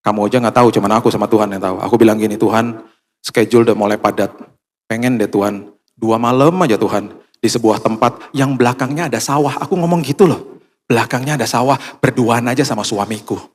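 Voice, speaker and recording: A man's voice: mid-range voice, quick pace. A man preaching a sermon as a pastor, telling a personal story and acting out the voices of the people in it. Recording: long hall reverb.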